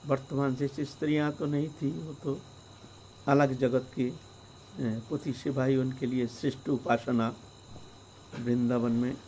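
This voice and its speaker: A man's voice: medium pitch, level tone, a little slow, pauses often, darkish tone, slight background noise, low-quality recording. A male preacher telling a devotional story in a conversational way, with frequent fillers and rhetorical asides.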